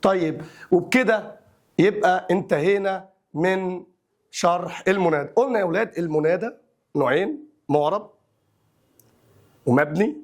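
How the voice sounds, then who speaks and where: A young adult man with an Egyptian accent teaching an Arabic grammar lesson. He drawls the example phrases slowly and then explains them briskly in colloquial speech. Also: sits high.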